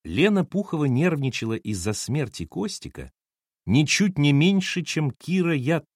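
A man reading a novel aloud as an audiobook narrator, with expressive delivery. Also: a little high, measured pace, dry recording, studio quality. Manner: expressive, lively intonation.

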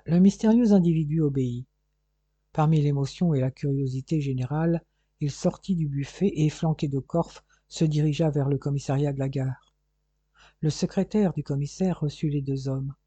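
Husky dark-voiced man narrating. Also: on the high side, moderate pace, dry recording. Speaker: audiobook reader. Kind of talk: scripted narration of a crime novel.

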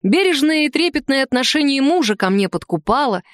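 A woman narrating an audiobook in an expressive, lively way, lifting her voice for quoted lines. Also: a little fast, dry recording, clean studio sound. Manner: lively, performs quoted lines with rising pitch.

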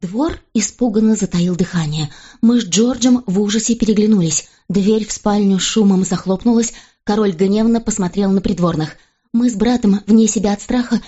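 A woman reading a novel aloud as an audiobook narrator, in a steady, even first-person storytelling voice. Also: mid-range voice, husky, dull audio.

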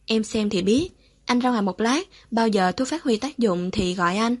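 A woman's voice: a little high, normal speed, natural voice. A woman voicing a cold, offhand young man who speaks curtly.

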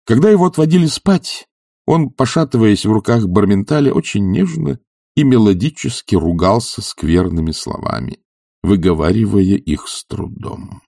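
A man narrating a novel in a measured, expressive storytelling manner. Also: on the low side, vocal fry, no echo, studio quality. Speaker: audiobook narrator. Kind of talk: scripted literary narration.

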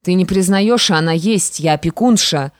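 A woman's voice: lowish voice, normal speed, no room sound, lightly acted. Lady reader doing a spiteful scheming stepmother, fake-sweet and threatening, dry sound. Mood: menacing. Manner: falsely sweet, menacing. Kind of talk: audiobook character reading.

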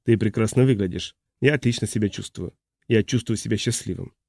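A relaxed, contented middle-aged man, read by a male narrator speaks low and quietly. The reading is dry and close. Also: a little fast, vocal fry, dry recording.

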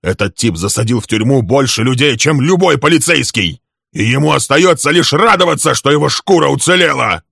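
A man voicing a hot-tempered young man who shouts accusations at a rival in a storybook reading. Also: mid-range voice, expressive, brisk, vocal fry, breathy edge, no room sound, clean studio sound, voice pushed up, exaggerated voice. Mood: furious.

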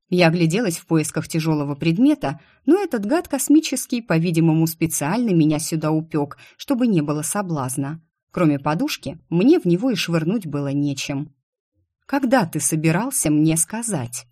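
A woman narrating a first-person science fiction novel in an expressive, lively way. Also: deep voice, normal speed. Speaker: audiobook narrator.

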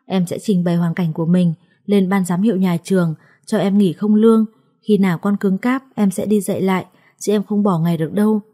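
A woman storyteller reading a first-person family story in a soft, measured way. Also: medium pitch, steady tone. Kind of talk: scripted first-person narration.

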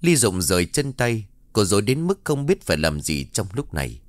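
A man narrating a ghost story in a dramatic, expressive reading. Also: on the low side, moderate pace, dry recording.

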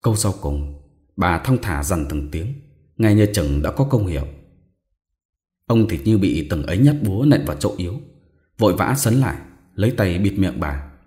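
Male narrator reading a short story; low, expressive, mellow. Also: moderate pace, pauses often.

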